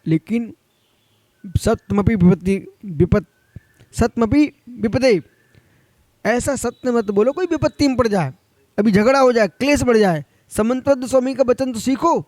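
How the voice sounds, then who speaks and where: A man with a notably high voice delivers a monk's sermon, scolding and exhorting his listeners directly. His pitch climbs on emphatic points, and the sound is dry and close, with no room echo. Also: measured pace, darkish tone. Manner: admonishing, addresses listeners directly. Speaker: Jain monk.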